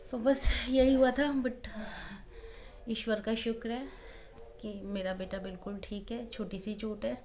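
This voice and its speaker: A woman's voice: on the high side, steady tone, a little slow, a little mellow. A young woman, a mother of twins, telling an emotional story in a casual home vlog, worried and acting out the dialogue. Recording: dull lo-fi audio.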